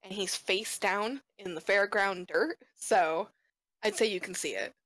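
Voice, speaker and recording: A woman running a tabletop game as game master, narrating slowly and descriptively. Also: mid-range voice, a bit bright, low-quality recording.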